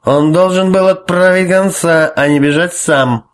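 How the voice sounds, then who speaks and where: A man voicing a drunk, arrogant high priest who drawls and hesitates. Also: animated, moderate pace. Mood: blustering. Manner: slurred, drawling, with hiccups and hesitations.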